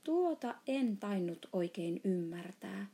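A woman's voice: medium pitch, expressive, dark tone, close to an everyday voice. A woman voicing a curious, earnest little girl in a storybook reading. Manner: questioning, earnest.

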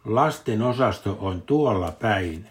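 A man's voice: fairly low pitch, animated, natural voice. A polite rabbit librarian lady from a children's storybook, read by an older man in his ordinary voice. She speaks in a businesslike, courteous way. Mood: helpful.

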